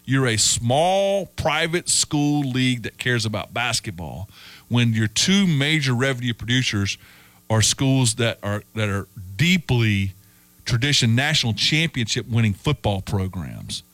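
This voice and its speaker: A man's voice: mid-range voice, unhurried, no room sound. A man hosting a sports talk show, telling stories and acting out quoted voices. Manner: animated storyteller, acts out quoted voices. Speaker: sports radio host.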